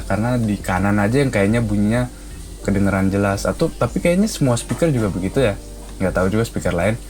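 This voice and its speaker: This product reviewer, speaking with an Indonesian accent, chats casually with viewers about a gadget and explains it informally. He has a lowish voice with a darkish tone.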